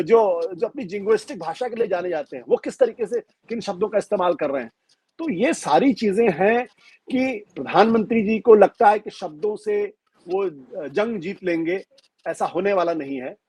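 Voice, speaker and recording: Husky man giving political analysis. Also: high-pitched, a little mellow. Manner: measured, emphatic, frequent fillers and restarts. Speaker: political commentator.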